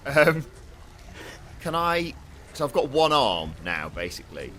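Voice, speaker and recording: A man's voice: mid-range voice, big pitch swings, measured pace, fairly bright tone, slight background noise. A man chatting casually and jokily as a tabletop game player, hesitant and self-deprecating. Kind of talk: casual, jokey game chat.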